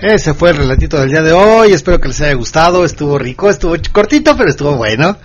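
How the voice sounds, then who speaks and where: A man, a podcast co-host bantering in quick, joking casual chat. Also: a little high, big pitch swings, dull audio, over music.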